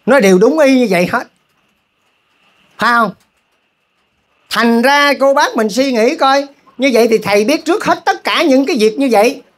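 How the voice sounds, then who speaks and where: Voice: high voice, animated. A lay preacher with a Southern Vietnamese accent, telling a moral story as a sermon and keeping the congregation involved with rhetorical questions. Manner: keeps asking the audience rhetorical questions; repetitive, folksy, halting restarts.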